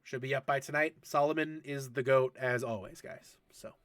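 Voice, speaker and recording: A man's voice: mid-range voice, fairly even intonation, normal speed, a bit bright, no echo. A man in his late thirties hosting a casual livestream Q&A for an esports league, chatty and laughing often while answering chat. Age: 30s.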